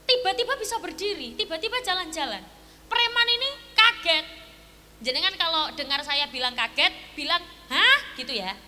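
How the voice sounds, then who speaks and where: High bright woman preacher. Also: moderate pace, slight background noise. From East Java. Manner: lively, asks the audience questions. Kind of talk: storytelling sermon. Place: live religious gathering. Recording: echoey live event with faint ambience.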